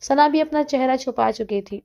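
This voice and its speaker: A woman reading a first-person story aloud in a steady, conversational way. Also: high voice. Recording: dull lo-fi recording.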